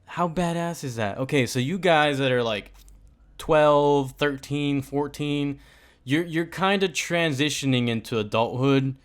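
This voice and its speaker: A young man hosting a casual solo podcast, rambling and joking with animated asides. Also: fairly high pitch, unhurried, smooth. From United States. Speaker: podcast host.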